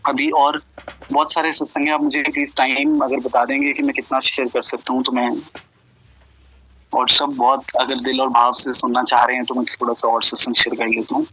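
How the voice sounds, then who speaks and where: A man's voice: mid-range voice, level tone, moderate pace, bright, forceful tone, breathy edge, low-quality recording. A man telling devotional stories to a gathering in an earnest, flowing way, often quoting others in Punjabi-tinged speech. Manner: earnest retelling, mixing Punjabi and Hindi quotes. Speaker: satsang speaker sharing devotee stories.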